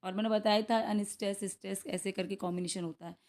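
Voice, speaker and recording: A young adult woman with an Indian accent teaching English for an exam, explaining in Hindi mixed with English, reading each question out slowly and checking in with students often. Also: mid-range voice, fairly even intonation, darkish tone. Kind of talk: exam-prep lesson going through practice questions.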